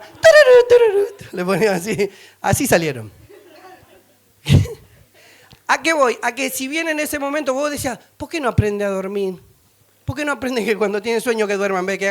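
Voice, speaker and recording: A man's voice: high-pitched, fairly bright tone. A middle-aged man with a Rioplatense Spanish accent, preaching a humorous sermon as a pastor, acting out voices, singing snippets and laughing often.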